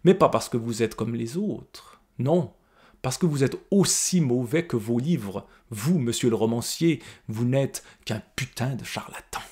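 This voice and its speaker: A man's voice: medium pitch, animated, dark tone, close to an everyday voice. Scornful inmate librarian, read by a man. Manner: cutting, deliberate, stresses each syllable.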